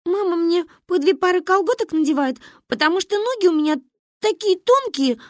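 A shy, nervous little girl who squeaks out her words earnestly, as a woman reading a storybook voices her. Her voice runs high and lively, recorded close and dry. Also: fairly quick, no echo. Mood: timid.

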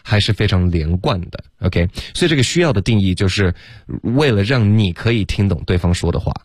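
A man's voice: lowish voice, animated, brisk, no echo, clean studio sound. A man teaching pronunciation on a radio lesson, explaining patiently and switching between English and Chinese. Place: radio studio.

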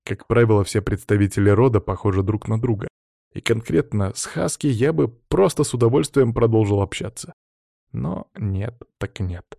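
A man narrating an audiobook in a measured, even way. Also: lowish voice, creaky, dry recording, clean studio sound. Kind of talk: audiobook reading.

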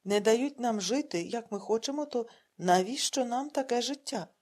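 A woman reading a husky, defiant cornered peasant. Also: very high voice, normal speed, a little mellow. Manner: defiant, resolute.

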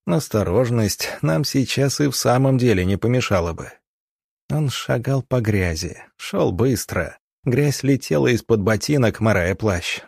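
A man doing scripted audiobook narration in a steady, measured reading. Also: fairly low pitch, vocal fry, no echo, clean studio sound.

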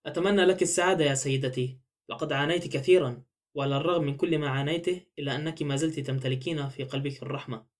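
A man voicing a calm, shrewd older detective in an audiobook, quietly assured. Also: on the high side, very fast, natural voice. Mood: gentle. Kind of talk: audiobook character voice.

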